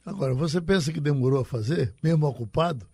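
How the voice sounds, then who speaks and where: A man's voice: fairly high pitch, fast, a little hiss or hum. A man, a radio host telling stories in casual chat and reciting verse. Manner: relaxed, recites verse aloud.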